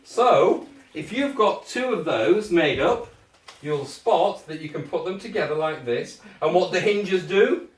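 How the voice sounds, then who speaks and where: Kids' party magician, British, mid-pitched, talking children through a task with encouraging patter; roomy, off-mic sound. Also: expressive, a little slow. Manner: checks often with short questions to the group. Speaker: children's party magician leading a craft activity. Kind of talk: hands-on step-by-step instruction to children. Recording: echoey room, distant microphone.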